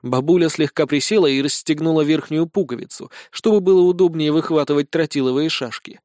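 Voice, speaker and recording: A man narrating a first-person comic fantasy audiobook in an even storytelling read. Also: a little high, a little fast, no room sound, clean studio sound.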